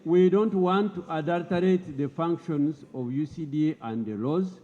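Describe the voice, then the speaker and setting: A man's voice: fairly high pitch, normal speed, mellow. Govt minister guy speaking in parliament, formal, stumbles on repeats, dull echoey broadcast sound. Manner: formal, repeats words while pressing his point. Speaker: government minister. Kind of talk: parliamentary address. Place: parliament chamber. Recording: lo-fi broadcast audio in a reverberant chamber.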